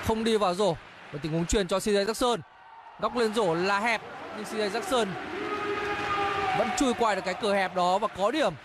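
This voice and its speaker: A man with a high, bright voice calls a basketball game play by play, rattling off names and baskets. His voice rides over loud, clear arena noise from the court behind him. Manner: rapid play-by-play calling players and scores. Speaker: basketball commentator. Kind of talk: live play-by-play commentary.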